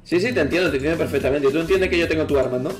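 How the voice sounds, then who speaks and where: Casting note: teasing streamer from Spain, somewhat high voice, music loud underneath. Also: male voice, very fast. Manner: teasing, mock-singing parodies. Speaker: gaming streamer. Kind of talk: casual gameplay chat.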